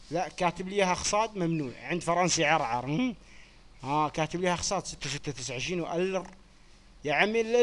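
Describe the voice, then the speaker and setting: A young man hosting a joking quiz on a live chat stream, teasing the players in quick banter. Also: a little high, fairly bright tone. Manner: teasing, swears oaths, rapid banter with participants.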